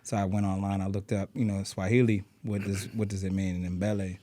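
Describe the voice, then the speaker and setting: A man, a musician guest, explaining things in a calm, low-key way. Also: fairly quick. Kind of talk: casual interview chat.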